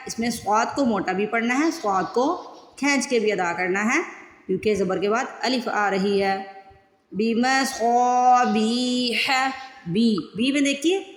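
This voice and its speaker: A woman teaching Quran recitation, chanting words slowly and drawn out between quick explanations. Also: medium pitch. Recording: echoey room with long reverb.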